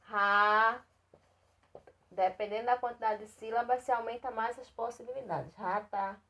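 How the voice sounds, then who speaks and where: Brazilian lady teacher, kinda high voice, slow and patient, sounds out syllables for little kids. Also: fairly even intonation, sharp tone. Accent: Brazilian Portuguese. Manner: patient, repeats and checks in with "tá certo?"; spells out syllables slowly and clearly. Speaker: primary school teacher. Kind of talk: recorded remote lesson for young children.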